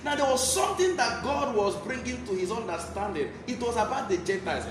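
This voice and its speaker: A man's voice: very high voice, animated, brisk, over music. A man with a Nigerian accent preaching a Bible teaching sermon in an emphatic, repetitive way. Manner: emphatic, repeats key phrases. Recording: echoey room, clear background noise.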